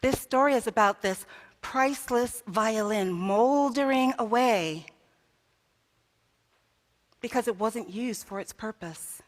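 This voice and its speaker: Taking her time and pausing often, a woman minister with a fairly high voice preaches in church. She tells a story through rhetorical questions, building toward emphatic peaks, with long reverb from the hall.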